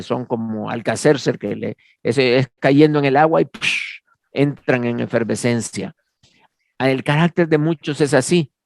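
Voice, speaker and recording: Guy teaching a bible class, gravelly voice, dry close sound, keeps repeating his points. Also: medium pitch, darkish tone, dry recording. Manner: earnest, repeats key phrases, quotes scripture. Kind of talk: class lecture.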